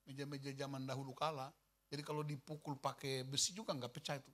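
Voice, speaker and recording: A male pastor preaching a church sermon, telling a personal story in an animated way and acting out the dialogue. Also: mid-range voice, fast talker. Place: church service.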